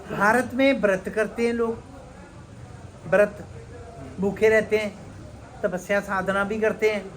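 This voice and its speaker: A man's voice: sits high, fairly even intonation, measured pace, fairly bright tone. A man giving an earnest devotional talk as a spiritual teacher, urging listeners and repeating his points for emphasis. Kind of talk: devotional talk at a religious gathering. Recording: noisy live recording with ambience.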